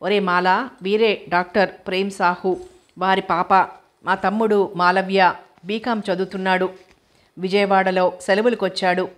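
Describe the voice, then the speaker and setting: A man's voice: sits high, flat delivery, unhurried, a bit bright. A woman reading the lines of a friendly young man who introduces his brother in an audio novel, in a plain polite tone.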